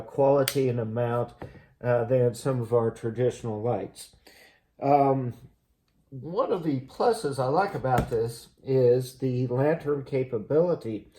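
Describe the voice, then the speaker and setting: A man with a mellow, relaxed voice hosts a casual product review. He explains each point in a measured, halting way, at a middling pitch. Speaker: host of a gear review channel.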